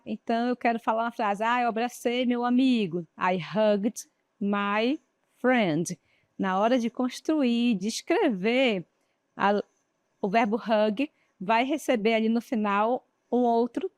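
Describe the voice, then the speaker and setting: Slow, patient Brazilian teacher woman. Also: a little high, dry recording. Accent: Brazilian Portuguese. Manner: explains step by step, checks understanding with frequent tag questions. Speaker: English teacher. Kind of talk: classroom lesson. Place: studio.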